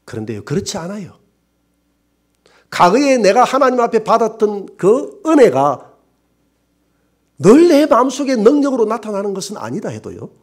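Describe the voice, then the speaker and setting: A male pastor with a Gyeongsang accent preaching a sermon in a church, animated, with rhetorical questions and exclamations. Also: high voice, moderate pace, long pauses. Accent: Gyeongsang Korean. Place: church sanctuary.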